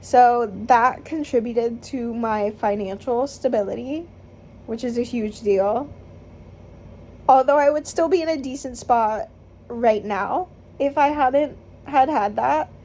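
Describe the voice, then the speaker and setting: Slow, reflective young woman. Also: a little high, dark tone. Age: 20s. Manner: slow, thoughtful, hesitant with restarts. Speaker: musician vlogger. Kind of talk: reflective personal vlog. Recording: slightly distant mic, faint background noise.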